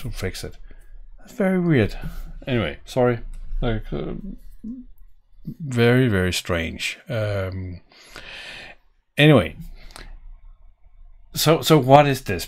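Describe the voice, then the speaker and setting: A Danish man hosts a programming tutorial from his home office, doing a live coding walkthrough and musing aloud as he types. He speaks slowly at a medium pitch, with keyboard typing and clicks in the background.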